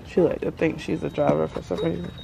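A woman's voice: low voice, steady tone, quick pace, gravelly, over music. Chatty woman vlogging by her van. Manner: chatty, loose and rambling, with slangy asides. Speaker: mom vlogger. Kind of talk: casual vlog chat. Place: in and around a family van. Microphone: camera on a tripod.

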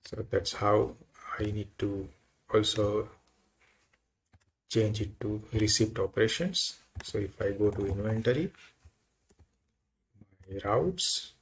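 A man giving an unhurried screen-recorded software walkthrough, thinking aloud with frequent fillers. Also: fairly low pitch, gravelly, slightly rough. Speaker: software tutorial presenter.

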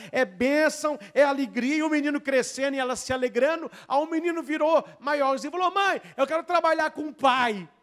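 A priest with a Brazilian Portuguese accent preaching a lively sermon, telling stories and jumping from loud to soft, with chatty asides to the audience. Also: male voice, very high-pitched. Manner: animated storytelling, swings from loud to soft.

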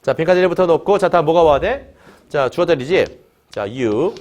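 A man teaching an English grammar lesson in Korean, opening nearly every phrase with "자" and drilling students with quick questions they answer back. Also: a little high, expressive, darkish tone. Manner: drills students, has them repeat after him.

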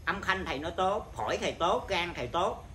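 A Buddhist monk teacher giving an informal dharma talk, blunt and scolding, with a naturally loud voice. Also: male voice, high-pitched, animated, brisk, slight background noise.

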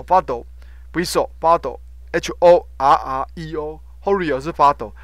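Male professor, higher voice, dry close sound, drills pronunciation by repetition. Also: no echo. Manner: drills pronunciation by loudly repeating words, frequent "ha" tag. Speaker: professor teaching English word roots. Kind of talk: classroom vocabulary lesson.

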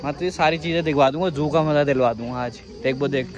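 A man's voice: fairly high pitch, fast talker, muffled recording. A young man from India filming a casual vlog outdoors on his phone, chatting and teasing his friend as he walks around. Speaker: vlogger. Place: outdoors at a hillside restaurant and park. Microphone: handheld phone. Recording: outdoor phone audio with clear background noise.

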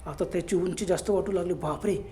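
A man narrating a horror story in a hushed, suspenseful way. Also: sits high, brisk, slight background noise.

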